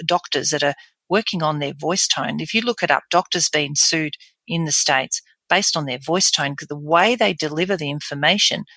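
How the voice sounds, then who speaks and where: Bright, expressive woman voice coach. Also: sits low, normal speed, breathy edge, dry recording. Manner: demonstrative, acts out example voices; earnest and explanatory. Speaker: voice coach guest. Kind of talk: conversational podcast interview.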